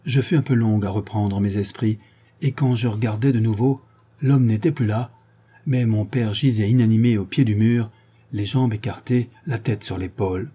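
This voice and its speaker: A man narrates an audiobook at a steady, measured pace. His voice sits low and dark, with a husky grain in it. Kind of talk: scripted narration.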